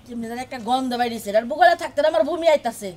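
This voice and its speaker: A woman's voice: sits high, expressive, a little mellow. A woman playing a nagging village wife. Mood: scolding. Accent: rural Bangladeshi Bengali. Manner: scolding, quick and nagging. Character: sharp-tongued exasperated village wife. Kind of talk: village comedy skit.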